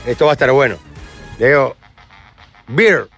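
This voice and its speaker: Lively man acting out stories. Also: medium pitch, fast talker, faint music behind. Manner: animated, acting out his story. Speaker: radio show co-host. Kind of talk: casual chat among friends.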